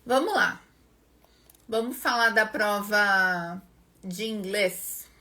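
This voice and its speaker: Bright, slow Brazilian woman teaching. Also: medium pitch. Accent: Brazilian Portuguese. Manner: chatty, answers viewers' questions by name. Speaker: English teacher and live-stream host. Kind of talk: casual live-stream lesson.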